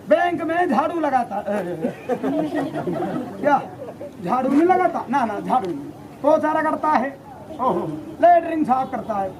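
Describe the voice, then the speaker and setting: A man performing a rowdy, teasing comic street show for a crowd, switching between the voices of his characters. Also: extremely high pitch. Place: outdoors on a busy street. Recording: noisy outdoor crowd recording.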